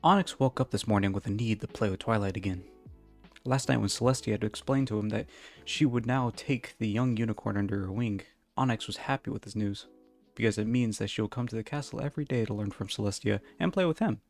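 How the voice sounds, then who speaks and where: With faint music in the background, a man reads fan fiction aloud in an informal, amateur storytelling style, starting with a casual intro before the storybook narration. His voice is on the low side and a little fast.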